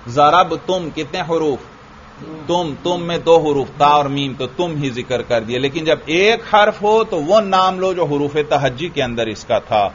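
A male religious teacher from Pakistan drilling grammar with his class, quizzing students with repeated questions and chanting word forms slowly. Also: a little high, lively intonation, dull audio, slight background noise.

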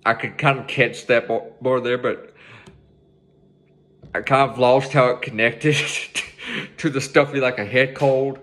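A young man hosts a music reaction video from his living room, speaking on a headset mic in a laid-back way, swearing freely and hyping up the track. His mid-range voice is fairly even and bright, at a measured pace with long pauses.

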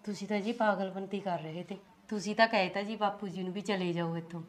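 A woman's voice: mid-range voice, steady tone, quick pace, close to an everyday voice. A woman playing a scheming daughter-in-law who sweet-talks her husband's family. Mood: placating. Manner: placating, sweet-talking.

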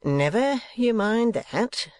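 A man's voice: sits high, sing-song, slow pace, a little mellow, no room sound, voice pushed up, heavily acted. A man doing a greedy, preachy schoolmaster. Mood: sanctimonious. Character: greedy, sanctimonious male schoolmaster, middle-aged.

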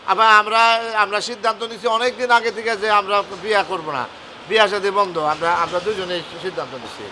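A man's voice: sits high, fairly quick, sharp tone, a little hiss or hum. An actor playing a nervous, flustered boss who stammers and pleads his way out of a forced marriage in a comedy drama. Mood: pleading. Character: nervous, flustered boss man trying to escape.

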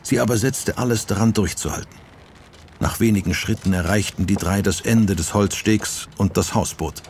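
A man with a low voice reads an audiobook in measured, dramatic narration. A faint hiss sits behind him. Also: darkish tone. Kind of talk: scripted narration.

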